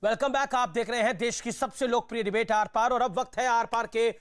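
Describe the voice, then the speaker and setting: A man's voice: extremely high pitch, fairly even intonation, moderate pace, a bit bright. Male TV debate anchor pressing questions. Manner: presses and repeats questions over interruptions. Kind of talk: moderating a TV news debate. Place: TV studio.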